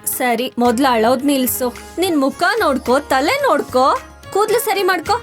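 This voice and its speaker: A woman playing a brisk, caring young woman, high voice. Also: soft background music, close to an everyday voice. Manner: brisk, scolding then mothering. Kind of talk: web series drama.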